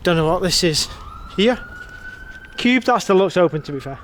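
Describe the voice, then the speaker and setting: English bloke vlogging on the street, fairly high voice, swears a lot, dry jokes, faint traffic behind. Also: male voice, animated, moderate pace, fairly bright tone. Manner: blunt, sweary, wry running commentary. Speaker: vlogger reviewing pubs. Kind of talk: casual walking vlog. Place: outdoors on town streets at night, then inside a pub.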